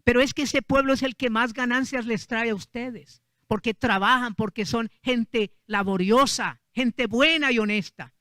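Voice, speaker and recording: Un hombre haciendo de joven reina asustada y suplicante. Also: male voice, extremely high pitch, normal speed, hardly any pauses, sharp tone, dry recording, studio quality. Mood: pleading. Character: frightened young queen, pleading.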